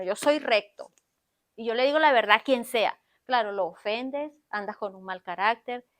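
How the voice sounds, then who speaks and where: A woman with a high-pitched voice delivers a sermon from the pulpit of a church. She speaks straight to her congregation and keeps stopping to ask them questions. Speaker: preacher. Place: church sanctuary.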